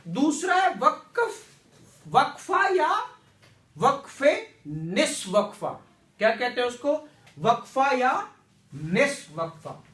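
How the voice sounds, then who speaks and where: A man's voice: very high-pitched, very animated, slow, fairly bright tone. A man teaching a classroom lecture, repeating words and quizzing students with questions. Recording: echoey room, distant mic.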